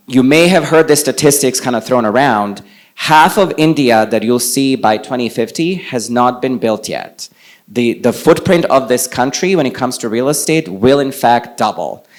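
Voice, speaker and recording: Man from Bosnia, non-native English speaker, presenting at a conference, easygoing and conversational, mid-range voice. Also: medium pitch. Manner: relaxed, conversational, walks around while speaking. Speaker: panel speaker on climate finance. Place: conference venue with a live audience. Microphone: handheld microphone.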